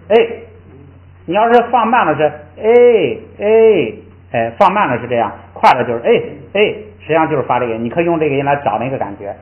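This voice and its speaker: An older man teaching Tibetan pronunciation in a lively classroom style, often drawing out and repeating syllables to show the tones. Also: a little high. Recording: tinny, echoey room sound.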